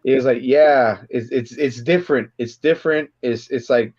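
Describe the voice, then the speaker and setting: A man's voice: mid-range voice, normal speed. A man eagerly retelling a film scene in casual chat, repeating himself and swearing a lot. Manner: repetitive, profane, excited storytelling. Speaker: podcast co-host. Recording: muffled lo-fi stream audio.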